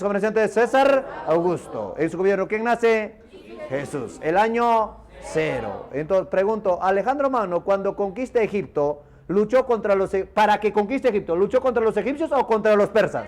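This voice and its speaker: Man quizzing a class, high voice. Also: a little mellow. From Peru. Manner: rapid quizzing, answers his own questions in a lower voice. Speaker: teacher. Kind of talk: exam review class, question and answer. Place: classroom with students.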